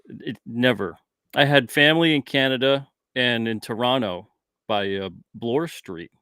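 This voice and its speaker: A man's voice: medium pitch, a little slow, bright, forceful tone, clear, resonant tone, no room sound, studio quality. A man from New York hosting a podcast, talking in an easygoing, agreeable way. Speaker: podcast host. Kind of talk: casual podcast chat.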